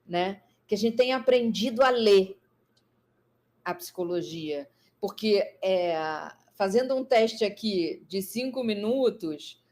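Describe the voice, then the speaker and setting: A woman's voice: medium pitch, lively intonation, slow, darkish tone. Woman, psychologist guest, reflective and explanatory, mid-range voice. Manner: thoughtful, explanatory, frequent fillers. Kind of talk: live interview conversation.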